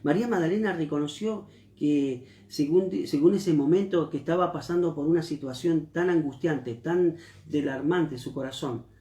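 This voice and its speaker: A man's voice: fairly high pitch, mellow, reverberant. A man preaching a sermon as pastor with an Argentine Spanish accent, earnest and repetitive in his phrasing.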